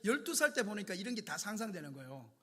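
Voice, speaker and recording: A man's voice: high-pitched, very animated, quick pace, pushed and bright. A male pastor preaching a sermon with dramatic storytelling, acting out scenes as he goes. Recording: long hall reverb.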